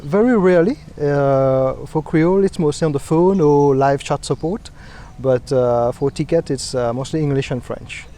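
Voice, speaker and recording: A man with a Mauritian accent answering interview questions in a conversational, halting way, with frequent pauses. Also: a little high, mellow. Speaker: company CEO, interviewee.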